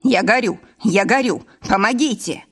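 A woman's voice: on the low side, lively intonation, brisk, breathy edge. Woman doing a drunken, leering man. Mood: terrified.

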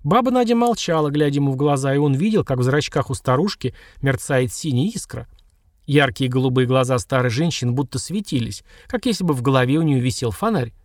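A man narrating a fantasy novel in a steady storytelling voice. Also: medium pitch, a little fast, dry recording, studio quality. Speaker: audiobook narrator. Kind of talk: scripted narration.

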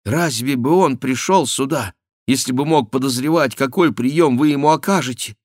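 A man's voice: medium pitch, moderate pace, no echo, clean studio sound, voice pushed up, natural voice. A man reading the part of a young noblewoman who earnestly implores and comforts an old baron. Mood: pleading. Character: young noblewoman, gentle and pleading.

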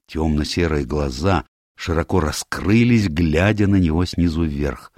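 A man narrating an audiobook in a calm, even storytelling manner. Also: very deep voice, measured pace, dry recording, clean studio sound. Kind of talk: scripted narration.

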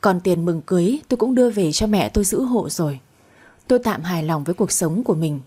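A young woman narrating a dramatic story in the first person, in a calm, even manner. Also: on the low side, fast talker, breathy edge.

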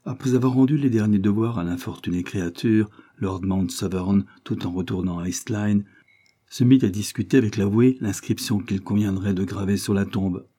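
A man narrating a novel as an audiobook reader, in an even, steady reading. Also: on the low side, moderate pace, husky. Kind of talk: scripted narration.

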